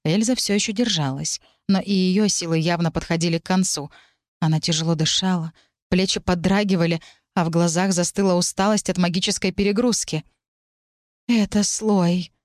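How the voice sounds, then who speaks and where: A woman reading a first-person fantasy story aloud, dramatic and tense, with sharp shouted lines for the characters. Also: fairly low pitch, fairly even intonation, brisk, no echo, studio quality. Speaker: audiobook narrator.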